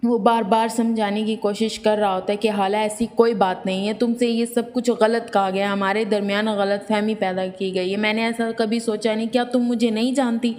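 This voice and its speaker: A woman hosting a review channel who retells a drama episode in a steady storytelling way and reads the characters' lines in her own voice. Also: medium pitch, hardly any pauses, long reverb tail. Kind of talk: scripted episode recap narration.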